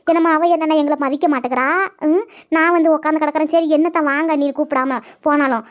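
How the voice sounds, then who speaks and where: A touchy, aggrieved sister-in-law from a cartoon, voiced by a woman, rattles off her complaints in a quick, high voice. She sounds wounded and indignant. The audio is dull and lo-fi. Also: close to an everyday voice. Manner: complaining, hurt and scolding. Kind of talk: cartoon voice acting.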